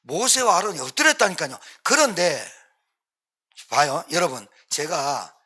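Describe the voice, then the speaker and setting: Bright, husky-voiced man preaching emphatically. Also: on the high side, very animated, measured pace. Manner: emphatic, repeats points for stress, acts out quoted pleas. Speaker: pastor. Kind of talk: sermon.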